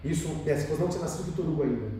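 Fast-talking Brazilian man, echoey room. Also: a little high, slight background noise. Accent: Brazilian Portuguese. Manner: rapid, animated, repeats phrases and acts out dialogue. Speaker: podcast guest telling his life story. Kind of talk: emotional personal storytelling in conversation. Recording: echoey room, distant mic.

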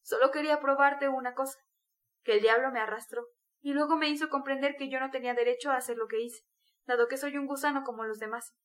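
A woman's voice: sits high, steady tone, quick pace, natural voice. A woman reading the part of a brooding, tormented young male student in an intense, bitter confession.

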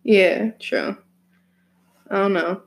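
A woman's voice: mid-range voice, steady tone, drawn-out words, roomy sound, rough recording. A woman, co-hosting a casual podcast chat, who teases and laughs often. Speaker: podcast co-host.

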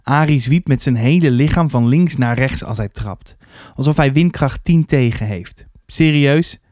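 A man reads a children's book aloud in an easy, lively first-person telling. His voice sits at an ordinary pitch. It is recorded close and dry, with no room sound. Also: a little slow, no echo. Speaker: storybook reader.

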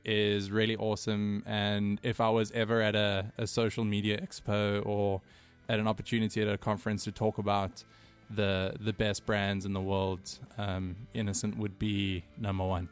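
Low smooth-voiced man. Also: completely flat delivery, soft background music. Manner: halting, full of restarts and chuckles. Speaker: podcast co-host. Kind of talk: casual podcast interview.

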